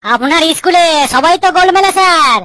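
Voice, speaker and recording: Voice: very high voice, expressive, brisk, bright, forceful tone, no room sound, exaggerated voice. A voice actor playing an incredulous new male schoolmaster in a cartoon, correcting everyone's English. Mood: exasperated. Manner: exasperated, incredulous. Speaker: new teacher.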